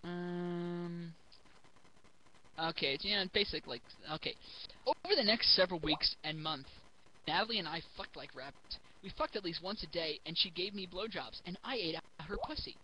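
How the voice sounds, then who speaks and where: A man's voice: high voice, animated, normal speed, bright, forceful tone, a little hiss or hum, poor audio. A giggly drunk man reading a story aloud for comedy, stumbling over the text and throwing in mocking asides.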